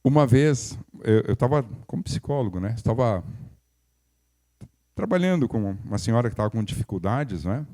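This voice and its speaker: A man's voice: mid-range voice, lively intonation, moderate pace, dark tone. An older male pastor, preaching in a folksy, conversational way with humorous asides and frequent restarts. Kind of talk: sermon.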